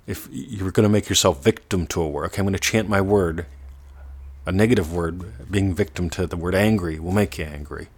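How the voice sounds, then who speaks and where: Low husky man in a slow meditative talk. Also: a little mellow. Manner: slow, drawn-out, often half-whispered words. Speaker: teacher. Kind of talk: meditative self-development talk.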